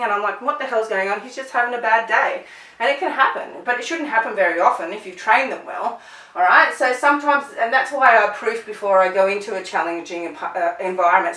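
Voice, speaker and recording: Casting note: middle-aged woman, dog trainer, bright tone, chatty teaching style with sharp barked commands, echoey room. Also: medium pitch. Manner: conversational, checks in with frequent "right?"; acts out commands in sharp bursts. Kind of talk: instructional talk to clients. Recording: roomy echo, voice from a distance.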